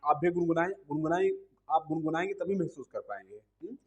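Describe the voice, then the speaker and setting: A man's voice: on the high side, lively intonation, brisk. A man teaching a music lesson, explaining patiently step by step and asking listeners to hum along.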